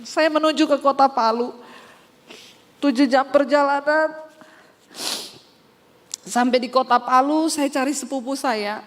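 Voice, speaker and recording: Woman preacher, 40s, from Central Sulawesi, earnest sermon testimony, high voice, long hall echo. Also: unhurried, long pauses. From Poso, Central Sulawesi, Indonesia. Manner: earnest storytelling, addressing listeners as brothers and sisters. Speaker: pastor.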